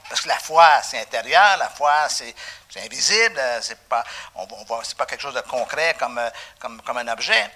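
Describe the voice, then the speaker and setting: A man with a Québécois French accent preaching a sermon as pastor, animated, with frequent fillers and restarts. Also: mid-range voice, normal speed. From Canada. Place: church.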